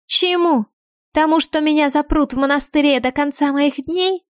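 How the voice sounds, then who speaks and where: A bitter young noblewoman, sharp and accusing, her voice riding high and tight, voiced by a woman reader. The recording is dry and close. She sounds like an audiobook character. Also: moderate pace, no echo. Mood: furious. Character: bitter jealous young woman, the heroine's sister.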